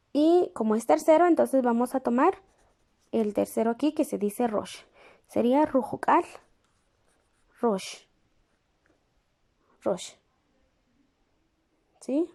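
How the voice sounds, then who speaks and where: A woman teaching a lesson, speaking patiently and pausing to check in with the class. She repeats each word slowly while writing it down. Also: high-pitched, mellow. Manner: checks in with the class through questions. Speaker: language teacher.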